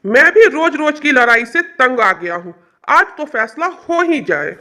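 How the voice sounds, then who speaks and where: A fed-up grown son, demanding. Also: female voice, high-pitched, animated, a little slow, sharp tone, exaggerated voice. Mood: exasperated. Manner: exasperated, demanding.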